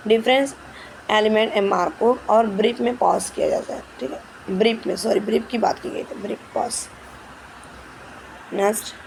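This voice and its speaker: Woman teacher with a gravelly voice. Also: a little high, a little mellow, slight background noise, low-quality recording. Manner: explains step by step, repeats "ठीक है" often; reads English questions slowly and carefully. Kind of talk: Hindi grammar lesson with English terms.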